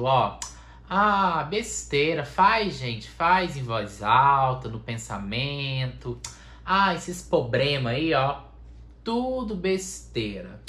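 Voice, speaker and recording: A woman hosting a podcast, leading a playful mock guided meditation with long sighs and slow drawn-out phrases. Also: rumbling low, fairly bright tone. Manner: sighing mantra-like "ai, ai", slow drawn-out soothing phrases, swearing offhandedly. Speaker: podcast host. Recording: roomy echo.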